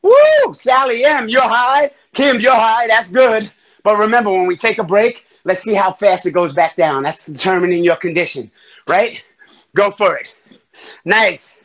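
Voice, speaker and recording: A high-pitched man coaching a live workout at full energy, counting down and cheering people through each round. He sounds winded from exercising along. The audio is a bit dull and muffled, like a livestream. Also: normal speed. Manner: energetic, calls out counts and encouragement; breathing hard while exercising. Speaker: fitness instructor. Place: home workout space.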